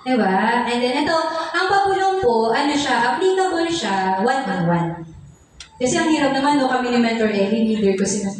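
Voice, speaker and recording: High-voiced woman mentor in an echoey hall. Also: expressive, moderate pace, slight background noise. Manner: playful, teasing, acts out examples. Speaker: business mentor. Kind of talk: seminar training talk. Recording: echoey hall, mic from far off.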